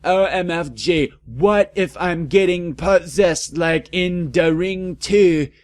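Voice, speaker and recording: Man playing a high-pitched, melodramatic goth girl. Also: slow pace, no echo. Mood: distressed. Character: melodramatic, moody teenage goth girl heroine.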